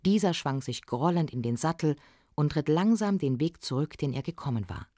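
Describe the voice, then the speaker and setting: A woman reads a folk legend aloud with lively, expressive storytelling. Her voice is low and warm. The sound is close and dry. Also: moderate pace, dry recording. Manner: expressive, shifts voice for the characters.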